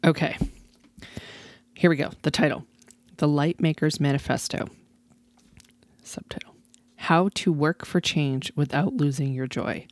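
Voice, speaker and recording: This woman hosts a podcast with a notably low voice, chatty and bubbly as she talks. She laughs easily and keeps things relaxed and casual. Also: a little slow, pauses often, no room sound. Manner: chatty and enthusiastic, laughs often. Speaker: podcast host.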